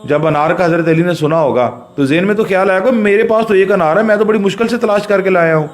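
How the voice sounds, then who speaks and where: A man with a Pakistani Urdu accent preaches a sermon. He tells a religious story and speaks directly to his listeners, dropping to low murmurs and then rising to emphatic lines.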